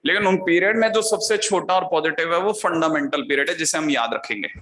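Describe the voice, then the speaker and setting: A male math teacher giving a classroom lecture, explaining step by step and often checking whether students follow. He draws out key terms slowly as he writes them. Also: a little high, sharp tone. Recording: echoey room with faint background noise.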